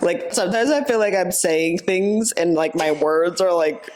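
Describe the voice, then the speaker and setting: A woman's voice: lowish voice, normal speed, a little mellow. A young woman co-hosting a podcast, chatting candidly with her partner, laughing often and filling her talk with "like". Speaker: podcast co-host. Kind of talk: casual chat.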